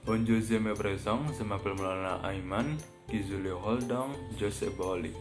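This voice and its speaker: Young man as a low-voiced diner. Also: steady tone, moderate pace, over music, lightly acted. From Indonesia. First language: Indonesian. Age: 20s. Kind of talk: classroom role-play.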